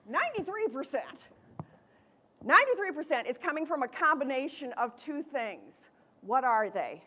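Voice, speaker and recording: A middle-aged American woman with a lively, playful manner, giving a motivational keynote talk to students. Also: high-pitched. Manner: lively, playful, acts out quoted voices. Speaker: motivational speaker. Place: large events hall.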